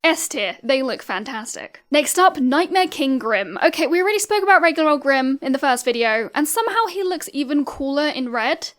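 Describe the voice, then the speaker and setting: A woman's voice: sits high, lively intonation, a little fast, hardly any pauses, a bit bright. A woman hosting a video, giving scripted tier-ranking commentary in a playful, self-mocking, wry way. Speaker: video host.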